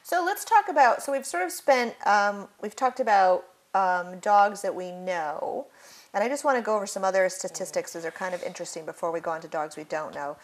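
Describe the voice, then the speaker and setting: A woman's voice: mid-range voice, expressive, fairly quick. A woman hosting a casual educational chat, often agreeing with "right" and explaining points with statistics.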